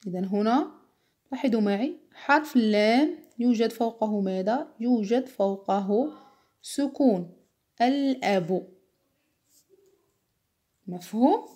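A woman teacher giving a slow, patient spelling lesson to children, repeating words carefully and checking that they understand. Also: on the high side, animated, warm tone. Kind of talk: slow classroom explanation for children.

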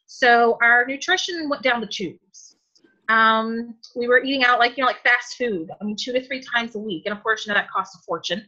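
A woman's voice: on the high side, normal speed, sharp tone, highs cut off. A woman in her forties telling a personal story, emotional and hesitant, with many ums and restarts. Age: 40s. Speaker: guest sharing a testimonial. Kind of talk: personal story told on a call.

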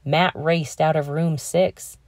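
A woman reading a children's picture book aloud in a measured, expressive storytelling manner. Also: deep voice, dry recording, studio quality. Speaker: read-aloud narrator.

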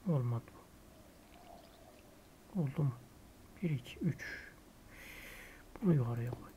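A Turkish man hosting a casual gameplay video, thinking aloud as he builds and muttering quiet asides to himself. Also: medium pitch, lively intonation, unhurried, slight background noise. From Turkey. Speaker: gaming YouTuber host.

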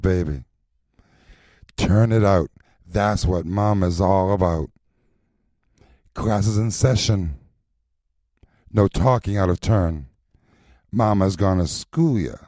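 A man performing recorded voice lines as a sassy, confident drag mother teaching a class, in a slow rhythmic chant with sultry stretched endings. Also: sits low, dark tone, no room sound, studio quality.

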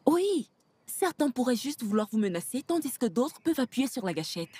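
Sensible gangster's girlfriend, highish husky voice, cautioning tone, dubbed film drama. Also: very animated, moderate pace, a little mellow, dry recording. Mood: firm cautioning. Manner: reasoning, cautioning.

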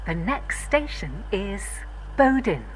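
A woman voicing a game's automated train announcer, calm and formal, her words spliced together so the station names jump in pitch. She talks slowly, with a lively rise and fall. Loud train rumble sits under the voice. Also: low-quality recording. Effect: spliced-together words, station names pasted in at a different pitch. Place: inside a moving train in a game. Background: train running noise.

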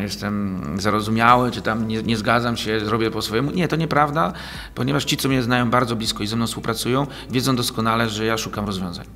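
A man's voice: medium pitch, fairly bright tone. A man in his forties, a guest in an interview, answering at length with many fillers and restarts, recorded on a desk mic in a small office studio. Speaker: league president, guest. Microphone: desk mic on boom arm.

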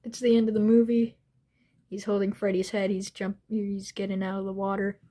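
A young woman showing off collectible figures and masks, gushing with excitement and often trailing off mid-sentence. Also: mid-range voice, moderate pace. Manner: gushing, breathless, trailing off and restarting. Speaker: toy collector vlogger. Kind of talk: excited unboxing vlog.

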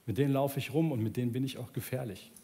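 On a large church stage, a pastor in his thirties delivers an earnest sermon at a fast pace, sinking into soft, low passages before rising to plead, and he closes in prayer. Soft instrumental music plays underneath.

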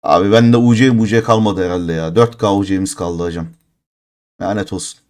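Here a man in his thirties live-streams a mobile game with a low, somewhat mellow voice, fairly even intonation and normal speed. His casual talk turns frustrated and exasperated, with swearing breaking out in bursts.

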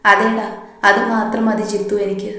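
A woman's voice: mid-range voice, little pitch movement, moderate pace, fairly bright tone, close to an everyday voice. A woman voicing a heartbroken young man who pleads emotionally, in a very echoey room. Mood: pleading.

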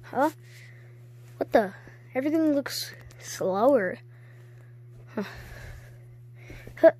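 High, slow-talking giggly woman. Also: expressive, warm tone, husky. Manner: giggly and chatty. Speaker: toy video creator. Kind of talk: playful narration of a toy skit.

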